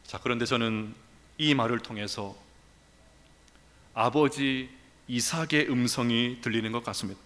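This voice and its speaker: A man's voice: mid-range voice, unhurried, pauses often, a bit bright. A male pastor preaching a sermon, telling the story dramatically in a church sanctuary. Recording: long church reverb.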